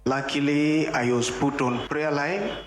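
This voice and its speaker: A man slowly giving a church testimony to the congregation, deliberate and growing joyful. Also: on the high side, steady tone. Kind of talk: slow spoken testimony to a congregation. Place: large echoing church hall. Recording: echoey church hall with crowd noise.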